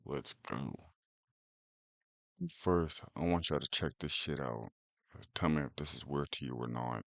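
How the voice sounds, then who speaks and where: A man with a very deep, gravelly voice introduces clips for his viewers. He talks loose and profane, relaxed and unhurried. His voice sounds dry and close to the mic. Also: no echo. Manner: loose, profane, laid-back. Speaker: reaction video host. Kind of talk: casual reaction commentary.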